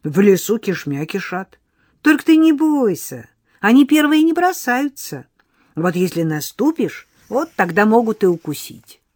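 A woman's voice: medium pitch, big pitch swings, a little slow, darkish tone, dry recording, studio quality, voice pushed up. A woman reading an audiobook voices a cheeky, chattering little village girl who is sly and bossy. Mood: lively. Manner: giggly, chattering, mock-serious. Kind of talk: audiobook character voice.

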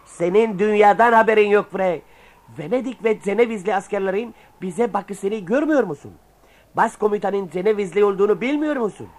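An actor playing a grumbling, cynical old-world soldier in a radio play, talking in a colloquial way. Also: male voice, sits high, a little fast, close to an everyday voice. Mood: fed up. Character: grumbling, cynical Byzantine soldier who admires the enemy.

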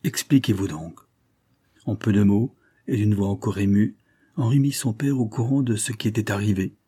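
A man's voice: brisk, dark tone, husky. A man reading a classic novel aloud, lifting his voice for the characters' dialogue. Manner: voices characters' dialogue with raised pitch and force. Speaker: audiobook reader.

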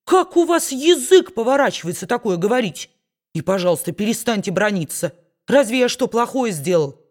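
A woman's voice: on the high side, very animated, moderate pace, a little mellow. An earnest young man, played by a woman reader, speaks up frankly in a raised, protesting voice. He is good-natured underneath, in the manner of a storybook hero. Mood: indignant.

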